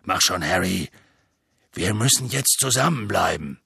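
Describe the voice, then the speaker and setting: A man voicing a gruff, nervous giant gamekeeper in an audiobook, with halting, clipped speech. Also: sits low, expressive, bright, forceful tone, no echo, studio quality, pitched below the performer's own voice, exaggerated voice. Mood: evasive. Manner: hesitant, halting. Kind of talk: audiobook character voice.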